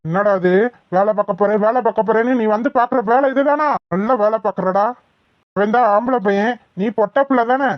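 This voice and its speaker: A woman's voice: on the high side, a little fast, no echo, muffled recording, close to an everyday voice. A woman voicing a stern, scolding middle-aged village father in a cartoon, with a Thoothukudi Tamil accent. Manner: scolding, exasperated. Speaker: voice actor in a cartoon. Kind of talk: cartoon voice acting.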